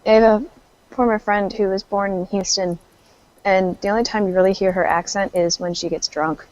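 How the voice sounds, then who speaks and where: A woman's voice: mid-range voice, steady tone, moderate pace, darkish tone. A woman player chatting casually before a tabletop game, rambling on in a chatty way. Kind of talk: casual chat. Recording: dull lo-fi voice chat.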